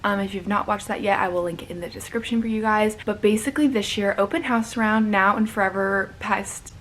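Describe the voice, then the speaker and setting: A woman's voice: medium pitch, fairly quick, fairly bright tone, a little hiss or hum. A young adult woman giving casual Q&A advice to viewers in a bubbly, chatty sorority-girl way, saying "like" often. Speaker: sorority recruitment vlogger.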